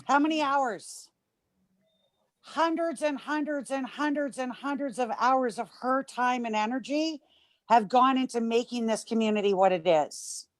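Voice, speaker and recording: A woman's voice: high-pitched, a little slow, dry recording. A woman giving an emphatic, gushing testimonial on a video call, at times choked up. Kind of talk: emotional testimonial.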